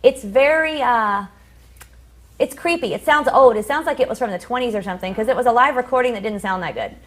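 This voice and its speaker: A woman co-hosting a casual spooky-themed talk show, chatting in a rambling way about songs and odd happenings. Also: on the high side. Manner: chatty, rambling, fast when rushed. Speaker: co-host.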